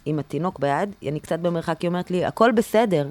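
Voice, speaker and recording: A woman chatting casually on a podcast, telling stories in an animated, indignant rant. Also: low voice.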